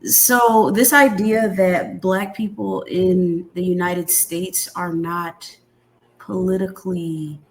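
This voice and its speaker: A woman's voice: lowish voice, fairly even intonation, slow. A woman on a discussion panel who makes her points in an emphatic, assertive way.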